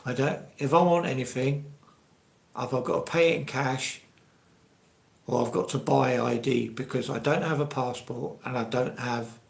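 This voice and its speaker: Gravelly older English man in an echoey room. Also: mid-range voice, normal speed. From England. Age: 60s. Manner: rambling, conversational. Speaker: live stream host. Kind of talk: casual live chat. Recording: roomy, echoey live stream.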